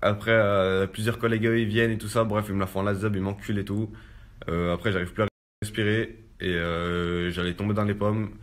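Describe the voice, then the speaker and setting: A young man speaks a little fast in a lowish voice with flat delivery, casually relating a personal ordeal in street slang and filling it with "en gros."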